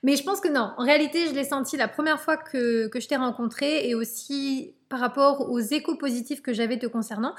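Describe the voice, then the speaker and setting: High-voiced chatty woman hosting a podcast. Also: brisk, hardly any pauses. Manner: chatty, addresses listeners directly. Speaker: podcast host. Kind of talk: casual podcast interview.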